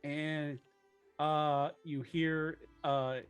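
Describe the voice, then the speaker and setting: Male tabletop player, slightly high voice, joking casual chatter, music underneath. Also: flat delivery, drawn-out words, smooth. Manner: joking, muttering while checking numbers. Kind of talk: casual game-table chat.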